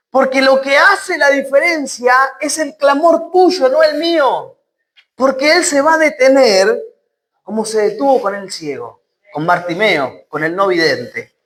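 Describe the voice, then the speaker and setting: A woman preacher with an Argentine accent giving an emphatic sermon, repeating key phrases and dropping low for emphasis. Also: a bit bright. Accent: Argentine Spanish.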